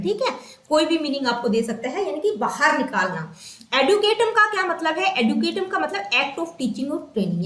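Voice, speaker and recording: High-voiced woman teaching in an echoey room. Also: fairly bright tone. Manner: repeats key points and asks herself questions; mixes Hindi with English terms. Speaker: teacher preparing students for exams. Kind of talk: exam-prep lecture.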